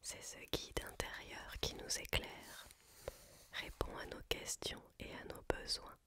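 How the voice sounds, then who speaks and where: A voice reading a book aloud as ASMR in a hushed library whisper, measured and unhurried. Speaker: reader.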